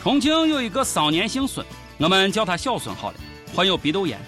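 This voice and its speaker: High-pitched sarcastic Shaanxi man. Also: very animated, brisk, music in the background. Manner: sarcastic, mocking, colloquial. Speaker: host of a satirical news show. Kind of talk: comic news commentary.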